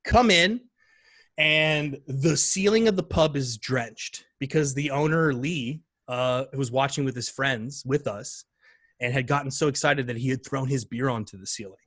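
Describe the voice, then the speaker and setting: A man in his thirties telling a story in casual podcast chat, animated and acting out quoted lines in a higher voice. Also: a little slow. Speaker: podcast guest.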